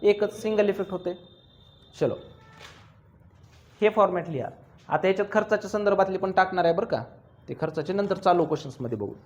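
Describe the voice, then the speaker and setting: A man teaching accounts to a classroom, firing quick questions at his students and teasing them as he drills each step. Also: high voice, muffled recording. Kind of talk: classroom lecture.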